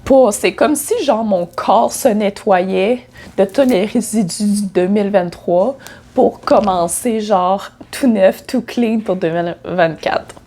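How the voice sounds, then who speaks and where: A mid-range, dark voice moves at a slow pace as a Quebec French-accented woman talks casually in her spiritual coaching vlog. She has a slight cold and fills her chatty speech with hesitations, fillers and restarts.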